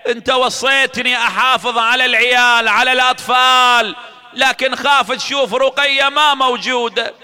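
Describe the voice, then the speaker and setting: A man's voice: very high-pitched, steady tone, moderate pace, sharp tone, clear, resonant tone, heavily acted. A man voicing a grieving woman mourning her brother, in a chanted lament.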